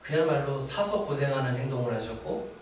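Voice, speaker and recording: A man's voice: medium pitch, lively intonation, fairly quick, slight background noise. A man preaching a sermon as pastor, speaking conversationally and asking the congregation rhetorical questions. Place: church sanctuary. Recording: very echoey church hall from far off.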